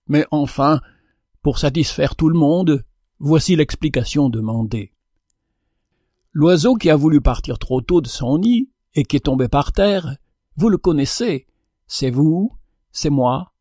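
Expressive man reading a fable. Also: on the high side, no room sound, clean studio sound. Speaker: narrator. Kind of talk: storybook narration.

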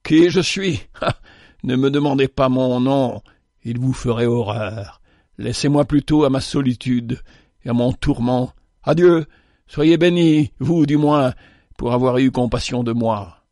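Cast: a man playing a haunted old wanderer, anguished and declaiming, raised pitch, storybook reading, dry sound. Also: a little slow, darkish tone, no echo, close to an everyday voice. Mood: tormented. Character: cursed old male vagabond, tormented and haunted.

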